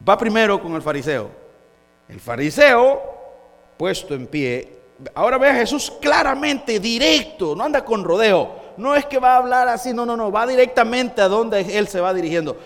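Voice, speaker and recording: A man's voice: sits high, normal speed. A male preacher delivering a sermon, telling stories with humor and acting out their characters. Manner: animated, acting out the story with humor. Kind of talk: sermon with storytelling. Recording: echoey hall.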